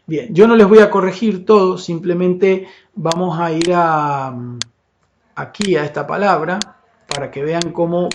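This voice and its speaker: A man with a slightly high voice teaches a software lesson over a screen recording, patient and explanatory. He often checks in with "¿sí?" and "fíjense," and fills gaps between phrases with "eh" and "este." The audio is dull and lo-fi with a faint hiss.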